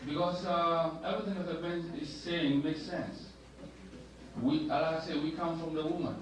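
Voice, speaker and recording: A man's voice: on the high side, steady tone, normal speed. A man from Ghana, giving an earnest, hesitant personal testimony. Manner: earnest, hesitant with many ums. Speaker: audience speaker. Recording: echoey hall, from far off, noisy.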